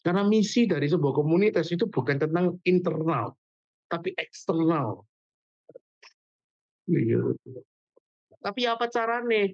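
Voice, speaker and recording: A young man, leading a casual Bible study for a youth group, chatty and animated, with slangy asides as he tells stories. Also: on the high side, measured pace, pauses often. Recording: dull lo-fi recording.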